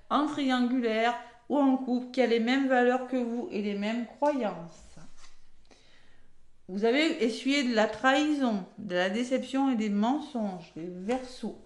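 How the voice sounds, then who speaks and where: A woman giving a casual weekly card reading, chatty and talking straight to her viewers. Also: fairly high pitch. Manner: chatty, peppers talk with "hein" and "d'accord"; addresses viewers directly. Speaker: tarot card reader. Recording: echoey room.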